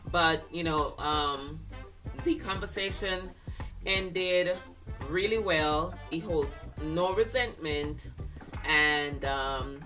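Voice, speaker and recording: An older fashion vlogger, Jamaican-accented and congested, rambles to camera with many fillers and laughs. She draws out her words in a deep, sharp-toned voice, recorded from afar over soft background music.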